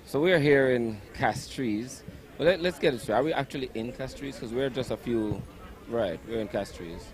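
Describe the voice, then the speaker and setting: A man's voice: mid-range voice, normal speed. A man co-commentating live on a rugby match at an outdoor ground, playful and chatty. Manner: playful, chatty, laughs easily. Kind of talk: live sports commentary and chat. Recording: loud crowd behind.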